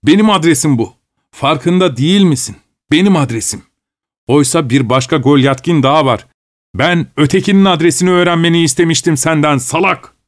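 A man's voice: a little high, a little fast, no echo, studio quality, pitched above the performer's own voice, natural voice. A man doing a nervous, fussy clerk. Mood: exasperated. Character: anxious, fussy middle-aged male clerk, easily enraged.

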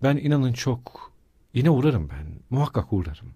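A man reading the lines of a feverish young man who speaks earnestly and then with quiet mockery, in his own husky voice. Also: medium pitch, sing-song, normal speed, voice pushed up.

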